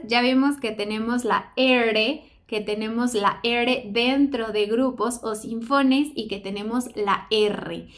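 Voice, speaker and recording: A woman speaking as a speech therapist, giving an educational explanation to parents in a didactic way with carefully enunciated examples. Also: a little high. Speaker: speech therapist presenting a lesson.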